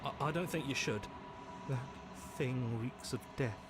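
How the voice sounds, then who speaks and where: An actor playing an earnest, fearful and hesitant heroic inner voice in a dramatic game. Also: male voice, mid-range voice, unhurried, very noisy, lightly acted. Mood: fearful, pleading. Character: heroic male inner voice, anxious and pleading. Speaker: game character.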